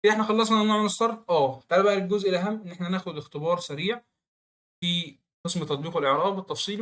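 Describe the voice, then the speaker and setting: A man with an Egyptian accent teaching Arabic grammar, quizzing the viewer with quick rhetorical questions. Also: a little high, fairly bright tone. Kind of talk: online grammar lesson.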